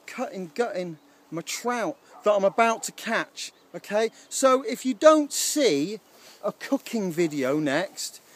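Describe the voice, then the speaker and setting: A man in his thirties chatting casually to a handheld camera outdoors by a lake. He is upbeat and rambling, with frequent ums. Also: high voice. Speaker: outdoor vlogger. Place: outdoors by a lake at a wild camp. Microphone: handheld camera at arm's length.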